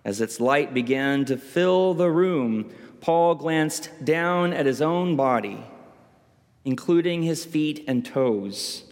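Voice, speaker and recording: A male preacher tells a story slowly, pausing for dramatic effect. His voice is fairly high, and a long reverb fills a large hall around him. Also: lively intonation. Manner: slow, dramatic pauses. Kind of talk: sermon storytelling.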